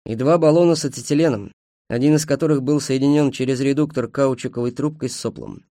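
A man's voice: mid-range voice, fast, mellow, no echo. A man narrating a novel in a dry, ironic tone. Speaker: audiobook narrator.

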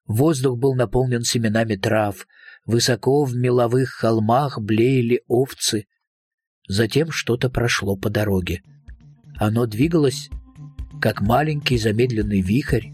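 A man narrating an audiobook in a calm, measured manner. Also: medium pitch, slightly rough, dry recording, studio quality.

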